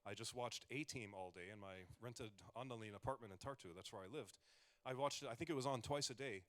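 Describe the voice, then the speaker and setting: In a mid-range voice at a slightly fast clip, an American man in his forties, a comedian, gives a conversational stage talk that rambles, restarts, and drifts into joking asides.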